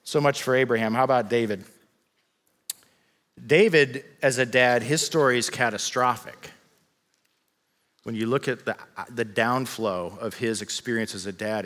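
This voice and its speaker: A man's voice: mid-range voice, a little slow, a bit bright. A man preaching a sermon, conversational and humorous, asking the congregation rhetorical questions. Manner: father of children. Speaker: pastor. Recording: long reverb of a large hall.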